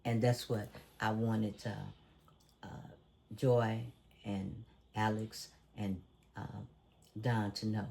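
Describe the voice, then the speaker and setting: A man's voice: lowish voice, flat delivery, slow pace, gravelly, long pauses, darkish tone. A man hosting a casual talk show, preachy and emphatic, who often asks leading questions. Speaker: podcast host. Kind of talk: casual conversational commentary.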